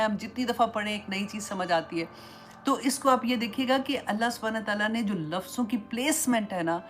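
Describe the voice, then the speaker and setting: Woman teaching a Quran lesson, storytelling. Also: mid-range voice. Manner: storytelling, mixes English phrases into Urdu. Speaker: Islamic teacher.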